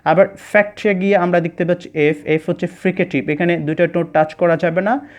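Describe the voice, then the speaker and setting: A man teaching an online English lesson, explaining slowly, repeating words for pronunciation practice and mixing English phrases into his talk. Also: high-pitched, fairly even intonation. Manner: mixes English phrases into Bengali speech.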